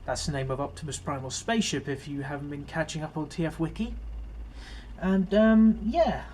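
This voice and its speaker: A man's voice: fairly high pitch, normal speed, a little mellow, slight background noise. A man giving a casual, rambling overview of an episode as host of his fan series, full of fillers and restarts.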